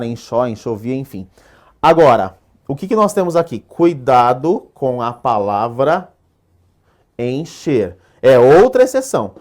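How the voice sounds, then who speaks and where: A Brazilian man teaching an exam-prep lesson at a middle pitch. He states rules slowly with heavy stress and keeps asking rhetorical check-in questions. He sounds like he is speaking in a classroom or studio on a lapel mic. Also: a little mellow. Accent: Brazilian Portuguese. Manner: drills rules with rhetorical questions, asks "perfeito?" often; slow, stressed delivery when stating rules.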